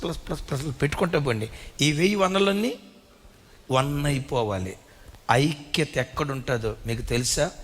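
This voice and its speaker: A man preaching a sermon as pastor, swinging his pitch widely and calling for amens. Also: pushed and bright. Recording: reverberant hall.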